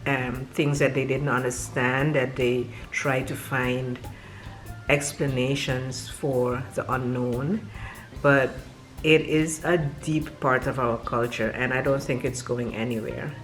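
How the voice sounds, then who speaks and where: A young woman with a West Indian Caribbean accent, talking to camera in a slow, drawn-out way with dips in volume. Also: extremely low pitch, steady tone, faint music behind. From West Indies. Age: young adult. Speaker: vlogger. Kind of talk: casual storytelling to camera.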